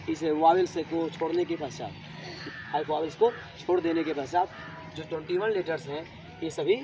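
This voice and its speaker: Male teacher, high-pitched, drilling a class with repeated questions; faint outdoor noise behind. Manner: repetitive, asks students questions. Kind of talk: classroom grammar lesson.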